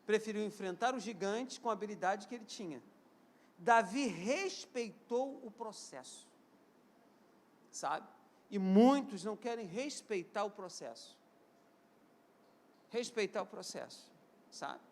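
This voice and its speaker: Preaching live to his church, a Brazilian pastor in his fifties uses call-and-response, having the congregation repeat phrases and answer amen. His high voice, unusual for a man, and Rio de Janeiro accent come through as he speaks expressively at a measured pace, pausing often, climbing to loud emphatic peaks and dropping to quieter stretches.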